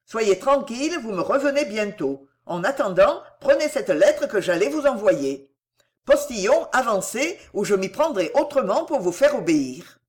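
Woman reading an agitated, jealous gentleman. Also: a little high, very animated, moderate pace, pitched above the performer's own voice.

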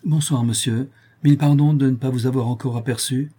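A man's voice: medium pitch, moderate pace, warm tone, husky, close to an everyday voice. A man voices a sardonic, insolent young viscount with a dry, ironic, mocking tone.

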